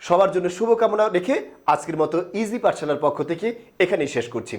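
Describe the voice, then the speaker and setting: A man's voice: high-pitched, animated, fast. A man teaching a grammar lesson, explaining step by step and asking questions that he answers himself.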